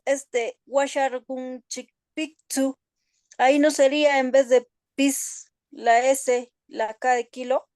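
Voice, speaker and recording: A woman's voice: high voice, steady tone, takes it slowly, few pauses, a little mellow. A woman student politely and hesitantly suggesting a correction to her teacher. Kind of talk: asking a question in class.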